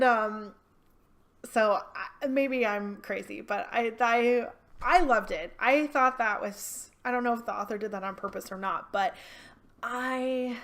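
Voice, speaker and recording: A woman's voice: mid-range voice, creaky, fairly bright tone. A woman, chatting casually and rambling as she reviews a book for her vlog. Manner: chatty, rambling with restarts and fillers.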